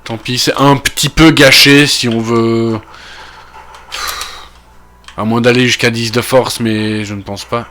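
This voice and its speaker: A man's voice: mid-range voice, fairly even intonation, a little slow, long pauses, bright, forceful tone, slight background noise. A man from Belgium with a Belgian French accent, getting over a cold, talking through a video game in casual commentary full of fillers and trailing asides. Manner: thinking aloud, many fillers and trailing asides. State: recovering from a cold. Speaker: gaming video creator.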